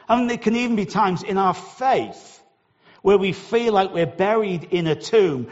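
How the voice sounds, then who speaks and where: High-voiced Welsh preacher telling a story. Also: male voice, long reverb tail, dull audio. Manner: conversational storytelling, repeats words when starting. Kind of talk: sermon with personal story.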